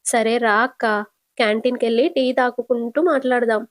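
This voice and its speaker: A woman's voice: fairly high pitch, steady tone, normal speed, natural voice. A woman voicing a cheerful young female hospital accountant who teases her older sister, in a casual serial retelling. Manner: teasing, affectionate.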